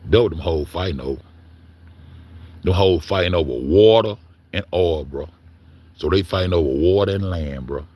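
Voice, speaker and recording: A man's voice: sits low, normal speed, pauses often, darkish tone. A man delivering a heated, profane monologue, stumbling over words and repeating himself as he argues his point. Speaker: commentator. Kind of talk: ranting monologue.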